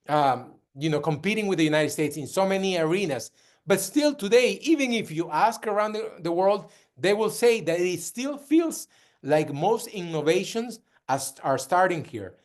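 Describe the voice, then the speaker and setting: Man, from Peru, slightly high pitch, earnest, repeats and restarts phrases, host talk. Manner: earnest, with frequent restarts and repetition. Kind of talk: direct-to-camera talk.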